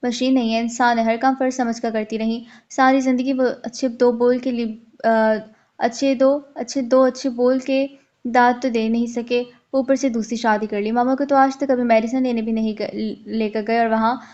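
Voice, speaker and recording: A woman's voice: fairly high pitch, flat delivery, moderate pace, a little mellow, muffled recording, natural voice. A woman voicing an angry young man who hurls heated accusations at his father. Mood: furious.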